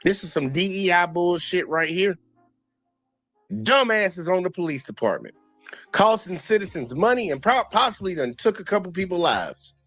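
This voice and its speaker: A man streaming his reaction to a police video, talking in blunt, animated casual commentary and repeating points for emphasis. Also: high-pitched, moderate pace, no room sound, soft background music.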